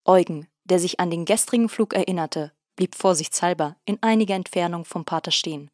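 A woman reads a story aloud in a steady, measured way, her voice on the low side. The recording is dry and close, with no room sound. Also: no room sound. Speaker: narrator. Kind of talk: audiobook narration.

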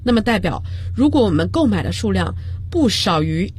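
A woman teaching business English on a radio lesson, explaining slowly and spelling words out letter by letter. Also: medium pitch, very animated, darkish tone, slight background noise. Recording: broadcast studio.

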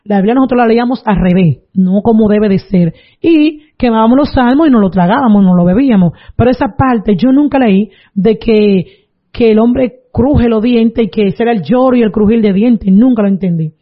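A woman's voice: fairly high pitch, moderate pace. A woman telling her religious testimony in an earnest storytelling manner, with preaching asides. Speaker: testimony giver. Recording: dull lo-fi recording.

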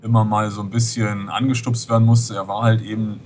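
Man, 40s, fairly low voice, rambling, noisy skype line. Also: flat delivery, a little fast, a little mellow. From West Berlin. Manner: rambling, many fillers like "halt eben". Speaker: guest. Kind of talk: casual interview. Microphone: Skype call.

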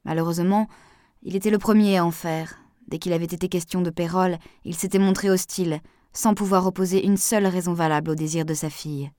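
Low-voiced woman reading a story. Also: dry recording, studio quality. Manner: measured, expressive reading. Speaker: narrator. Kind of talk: audiobook narration.

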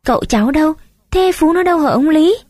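An anxious young mother from a village, tearful and pleading as she asks one worried question after another, as a woman reads her part. The voice rises high with fear yet stays mellow. It is a close, dry storybook reading. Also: lively intonation, moderate pace, dry recording, natural voice.

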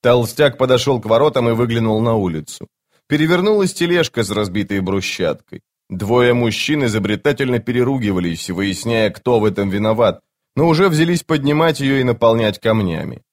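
A man narrating a fantasy audiobook in a measured, steady way. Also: mid-range voice.

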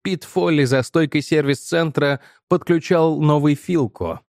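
A man narrates an audiobook with measured, tense storytelling. His voice sits somewhat high, and the recording is dry with no room sound. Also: a little mellow, dry recording.

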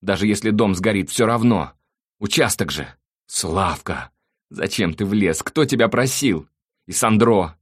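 A man's voice: fairly low pitch, lively intonation, unhurried, breathy edge, no echo, studio quality, pitched above the performer's own voice. A man reading an audiobook, voicing a desperate, panicky male cousin who whines and pleads near tears. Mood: pleading, whining.

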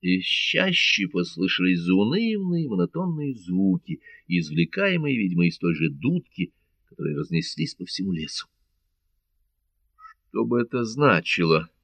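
A man narrating an adventure audiobook in a measured, dramatic reading. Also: mid-range voice, sing-song, vocal fry, a bit bright, dry recording.

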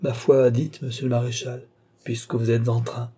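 A man's voice: medium pitch, flat delivery, normal speed, warm tone, breathy edge, close to an everyday voice. A man voicing a flustered young maid. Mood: pleading, protesting. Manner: pleading, protesting, coaxing. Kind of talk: audiobook reading.

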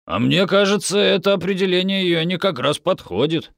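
A man's voice: high voice, animated, a little fast, gravelly, fairly bright tone, dry recording, studio quality, voice pushed up, full character voice. A man doing an earnest pleading husband. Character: earnest, well-mannered young husband.

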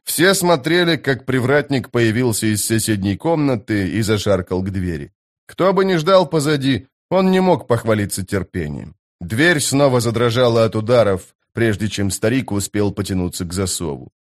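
A man narrating an audiobook in a steady, measured way. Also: lowish voice.

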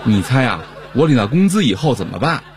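A man's voice: mid-range voice, very animated, brisk, background noise. A man co-hosting a comedy show, telling a funny story in scripted banter. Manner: comic storytelling, acting out a neighbor's lines. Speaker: co-host.

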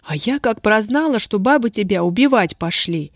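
Женщина играет испуганную молодую крестьянку, которая всхлипывает и умоляюще причитает. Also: female voice, mid-range voice, animated, normal speed, no room sound, clean studio sound, pitched above the performer's own voice. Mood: tearful. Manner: sobbing, pleading, folk speech. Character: frightened, tearful young peasant girl.

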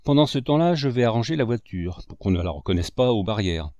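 A man voicing a brisk, practical grown man in an audiobook, giving short commands. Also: on the low side, lively intonation, darkish tone, no echo, highs cut off, close to an everyday voice. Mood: commanding.

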